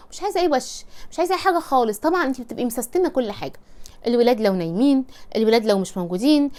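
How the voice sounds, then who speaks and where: A woman with an Egyptian Arabic accent giving frank advice to women. Her voice sits high, and she talks very fast, in a chatty, teasing way that slips into little acted-out scenes. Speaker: advice vlogger.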